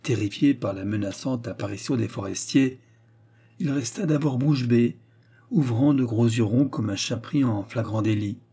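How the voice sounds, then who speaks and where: Man, audiobook narrator, measured, dark tone, husky. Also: medium pitch. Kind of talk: reading of a novel.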